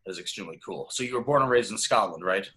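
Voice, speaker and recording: A man hosting a casual interview, eager and halting, with lots of fillers as he asks questions. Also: fairly low pitch, expressive, pushed and bright. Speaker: interviewer, host.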